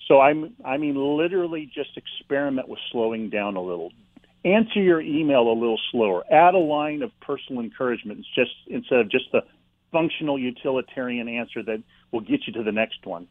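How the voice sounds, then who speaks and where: A man talks in a calm, reflective way, with no hurry in his words. His voice comes through a dry, slightly dull line. He sounds like a guest on a faith-based talk program. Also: mid-range voice, a little fast, no echo. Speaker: author guest. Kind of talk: interview about faith and slowing down.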